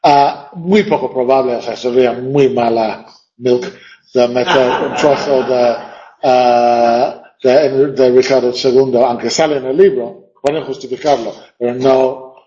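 A man's voice: medium pitch, fairly even intonation, unhurried, mellow, roomy sound. A male teacher giving a classroom lecture, thinking aloud and reciting verse lines with stressed beats. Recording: dull lo-fi classroom recording.

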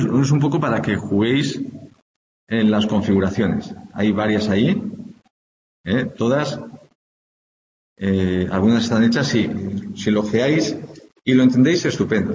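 A man's voice: lowish voice, a little mellow. A male physics teacher from lecturing informally, explaining step by step and thinking aloud as he checks with his students. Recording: echoey hall, dull lo-fi sound, faint background noise.

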